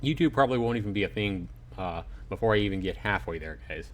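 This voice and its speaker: A man with a fairly low voice talks fast and animatedly on a livestream, reading a visual novel aloud and commenting on it. He chats informally with viewers, joking around as he plays through.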